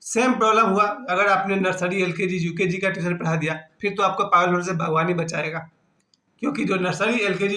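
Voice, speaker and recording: A man in his fifties tells his own story in an earnest vlog talk, poking fun at his own failures. His voice sits high and sounds bright and forceful. The room around him rings with echo. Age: 50s. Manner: earnest, self-mocking storytelling. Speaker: vlogger. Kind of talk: personal health talk.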